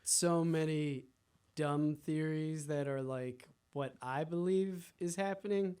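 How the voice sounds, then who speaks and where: A man from the D.C. area, a comedian guest, telling stories in a playful, animated way during a casual studio podcast chat. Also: fairly high pitch, slow pace, clear, resonant tone. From Washington, D.C. area.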